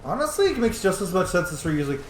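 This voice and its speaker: Sitting high in pitch, a fast-talking man with a sing-song voice chats informally while playing. He hosts gaming videos, and this is casual roleplay playthrough commentary, recorded with a roomy sound and faint noise.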